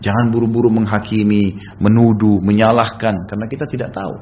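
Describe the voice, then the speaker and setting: A man's voice: lowish voice, level tone, narrow, tinny audio. A male preacher telling a story in a sermon, rhetorical and full of tag questions to his listeners. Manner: rapid, rhetorical, with frequent tag questions to the audience.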